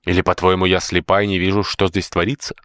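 A fussy, indignant old nanny-housekeeper from an audiobook scolds and pleads in a high, shrill way, as a male narrator puts her on. The sound is dry and close, with no room around it. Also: little pitch movement, quick pace, fairly bright tone, smooth, no room sound.

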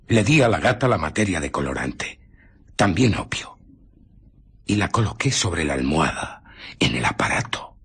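An obsessive, secretive scientist in a radio play, with an accent from Spain. His deep voice is heavily husky and breathy. He tells his tale with theatrical intensity and dramatic swings of intonation. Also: a bit bright, heavily acted. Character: obsessive, irritable male scientist, brooding and secretive. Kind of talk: Spanish radio drama acting.

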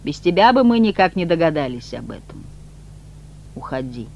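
A cold, imperious devil prince who speaks low and quietly, clipped and scornful, his pitch moving with lively contempt, as a reader puts him on. Faint hum under the reading. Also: moderate pace, creaky. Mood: curt. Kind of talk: audiobook reading.

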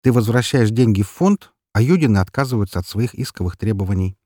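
A man voicing a calm, cunning young man who corners a swindler in a carefree, mocking tone. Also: fairly low pitch, fast, no echo, studio quality. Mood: businesslike.

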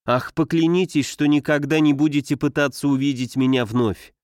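A man's voice: fairly high pitch, fairly even intonation, moderate pace, darkish tone, no echo, clean studio sound, lightly acted. A male reader voicing a frightened young married lady in a read-aloud novel, pleading and agitated.

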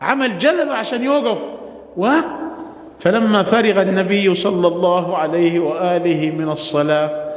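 A man with an Egyptian accent preaching a Friday sermon, impassioned, asking rhetorical questions and stretching some phrases out slowly. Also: high-pitched, dull audio. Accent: Egyptian Arabic. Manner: impassioned, rhetorical questions, swings between drawn-out and rapid phrases. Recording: echoey hall reverb.

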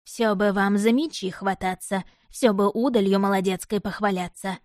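A woman doing a sly, creaky old trickster god. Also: mid-range voice, fairly even intonation, normal speed, a little mellow, dry recording, studio quality, natural voice. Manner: sly, mocking, folksy.

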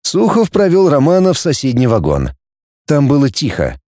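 A man reading an audiobook as narrator, telling the story in an expressive way. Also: medium pitch, normal speed, no room sound, clean studio sound. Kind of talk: scripted narration.

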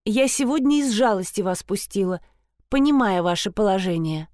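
A woman's voice: medium pitch, expressive, moderate pace, darkish tone, no room sound, studio quality, natural voice. Woman doing a fawning, timid receptionist. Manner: fawning, pleading.

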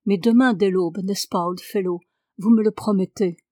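A calm, sorrowful English lord with second sight speaks softly and gravely, voiced by a woman narrator. The pitch sits in a middle range. The sound is close and dry. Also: normal speed, no echo, lightly acted. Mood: gentle, grave. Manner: soft, gentle and grave.

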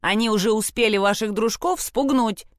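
Woman plays a loud bossy schoolgirl, higher pitched, snappy, dry studio read. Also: moderate pace, dry recording, lightly acted. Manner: scolding, brash. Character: bossy loud young girl Nora.

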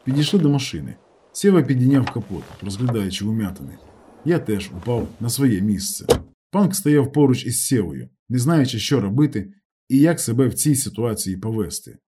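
A man reading a novel aloud as a steady first-person narrator. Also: medium pitch, normal speed, slight background noise. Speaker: audiobook narrator.

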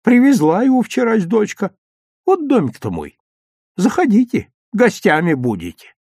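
A fussy old grandmother grumbles and scolds in a high, lilting voice, put on by a male reader. Her folksy chiding swoops up and down, recorded close and dry like a storybook audiobook. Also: very animated, normal speed, darkish tone, slightly rough, no room sound, exaggerated voice. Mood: grumbling. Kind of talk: audiobook reading.

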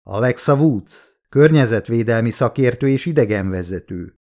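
A man voicing a calm, dry-witted young woman who guides scientists on the ice, explaining things patiently and matter-of-factly in an audiobook. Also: medium pitch, natural voice. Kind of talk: audiobook character voice.

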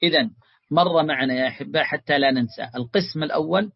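A man's voice: fairly high pitch, quick pace, creaky, breathy edge, dry recording, lo-fi sound. Man teaching a religious lesson. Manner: explanatory, addresses students warmly as beloved ones.

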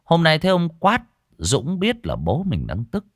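A man's voice: on the high side, wildly swooping pitch, a little slow, dry recording, clean studio sound. A man narrating an audiobook story expressively.

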